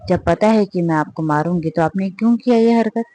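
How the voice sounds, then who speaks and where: A woman voicing a stern young woman who quietly and sarcastically scolds her drunk partner. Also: on the low side, a little fast, natural voice. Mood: cold scolding.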